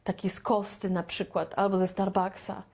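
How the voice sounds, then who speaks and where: A woman from Poland teaching a beginner English lesson, chatty and playful, stretching out her model sentences very slowly. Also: medium pitch, little pitch movement, a little mellow. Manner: slow, deliberate, with very drawn-out model sentences; chatty and playful, with sound effects.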